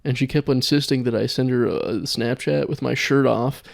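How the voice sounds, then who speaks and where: A man's voice: medium pitch, fairly even intonation, fairly quick, vocal fry, no room sound. A young man co-hosting a comedy podcast, chatting casually with crude jokes and frequent laughter. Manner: crude, joking, laughs often. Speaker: podcast co-host.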